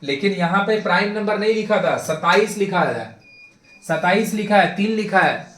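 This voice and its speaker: A young male maths teacher, briskly lecturing a class and repeating his points insistently. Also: high voice, animated, fairly bright tone. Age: young adult. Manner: brisk and insistent, repeats himself, prods students. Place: classroom with a board. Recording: echoey classroom.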